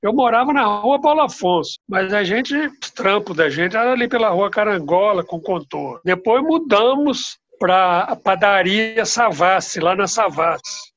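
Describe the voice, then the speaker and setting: A man's voice: high voice, animated, a little slow, a bit bright. Older man, muffled video call. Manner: hesitant, trailing off, restarts. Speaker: father telling family stories. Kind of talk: casual recollection. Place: home room, indoors. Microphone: laptop webcam on video call. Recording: dull lo-fi video call audio.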